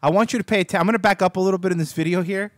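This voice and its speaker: A young man with a slightly high voice talks fast, bouncing up and down in pitch as he banters on a radio show. His sarcasm comes through in mock scolding. The mic sounds close and dry. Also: steady tone, dry recording. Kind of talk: casual comedic banter.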